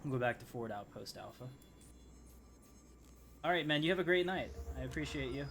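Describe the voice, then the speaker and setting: With lively intonation and a fairly quick pace, this mid-range male voice belongs to a gamer hosting a livestream. He thinks aloud while playing, rambling and chatting casually to his viewers as game music runs in the background.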